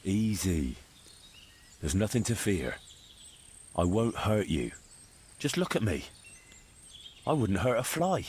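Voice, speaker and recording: An actor playing a steady medieval hero in a video game, coaxing and persuasive as he talks down a hostage-taker. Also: on the low side, takes it slowly, long pauses, a little hiss or hum. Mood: calming, coaxing. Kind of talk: dramatic video game acting.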